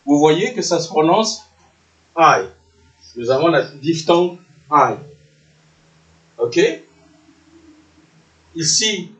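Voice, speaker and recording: A man teaching a lesson, patiently repeating words and often checking with "ok?". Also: high voice. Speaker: English teacher. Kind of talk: slow classroom-style lesson in French. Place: room with a whiteboard. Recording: echoey room.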